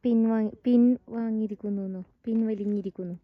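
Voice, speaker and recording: High-pitched Malayali woman mixing in English. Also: steady tone, brisk, no echo, phone-quality sound. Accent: Kerala Malayalam. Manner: mixes English words into Malayalam. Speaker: travel vlogger. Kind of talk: casual vlog chat.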